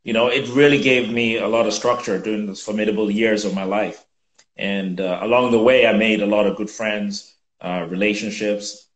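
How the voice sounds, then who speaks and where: A man in his fifties from Nigeria talks in a low voice, measured and reflective, pausing on fillers. He is on a video call from a room at home, and the sound rings in an echoey space. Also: steady tone. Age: 50s. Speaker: guest. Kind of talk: conversational interview.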